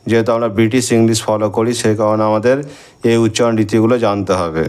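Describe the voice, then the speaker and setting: A man with a Bengali accent teaching English grammar to schoolchildren, slowly spelling out words letter by letter and counting their syllables. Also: on the low side, fairly even intonation, a little mellow, smooth. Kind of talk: recorded lesson for schoolchildren.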